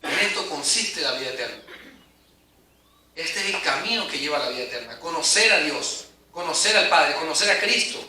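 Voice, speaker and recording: A man delivers an emphatic, dramatic sermon, his voice high and piercingly bright. He is recorded from across a room that echoes heavily, so every phrase rings out around him. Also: expressive, normal speed. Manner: emphatic, dramatic preaching with rising and falling intensity. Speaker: preacher. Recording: very echoey hall, mic at a distance.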